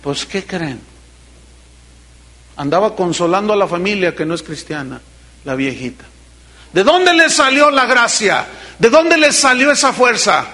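A middle-aged man, a pastor preaching a sermon in an animated way, acting out quoted voices and dropping suddenly soft. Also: high voice, unhurried, pauses often.

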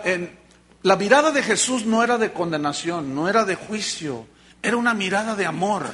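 A man preaching a sermon, retelling a Bible story in a lively storytelling way. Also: high voice.

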